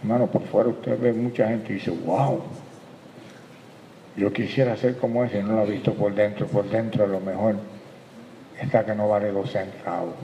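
A man preaching a sermon, calling his listeners brother and swinging from quiet reflection to loud, emphatic bursts. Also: on the low side, little pitch movement, a little fast, a little hiss or hum. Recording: echoey hall, dull lo-fi sound, faint ambience.

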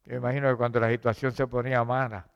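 A man's voice: mid-range voice, little pitch movement, fast talker, creaky, long reverb tail, highs cut off. A man preaching a sermon in a conversational, joking way, calling his listeners brother and sister.

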